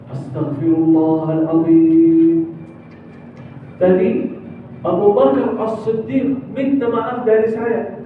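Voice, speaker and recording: High-voiced guy preaching, heard from far back, tinny and super echoey. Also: a little hiss or hum. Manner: animated, acts out dialogue, drawn-out chanted phrases. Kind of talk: sermon storytelling. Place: mosque hall. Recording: distant, phone-like, very echoey hall.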